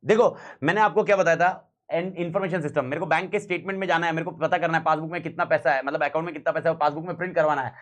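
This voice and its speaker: A man's voice: a little high, steady tone, racing, hardly any pauses. A man teaching a class in a casual, slangy way, repeating key points and mixing in English phrases.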